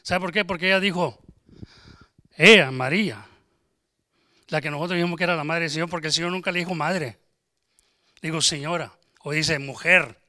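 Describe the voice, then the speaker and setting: A man preaches, his voice pitched high and bright. He speaks emphatically, firing off rhetorical questions and acting out little conversations. The sound is dry and close, with little room around it. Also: normal speed, pauses often, no room sound. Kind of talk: sermon.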